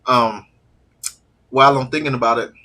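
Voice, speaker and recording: A man's voice: mid-range voice, steady tone, moderate pace, sharp tone. A man with a stuffy nose from allergies, chatting casually and rambling during a live stream. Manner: laid-back, trailing off with fillers. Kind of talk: casual rambling chat while eating.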